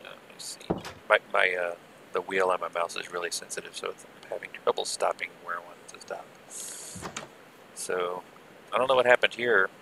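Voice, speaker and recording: A man giving casual, rambling live gameplay commentary with muttered asides, heard through low-quality stream audio from an old headset. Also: gravelly, sharp tone, a little hiss or hum. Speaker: game server streamer.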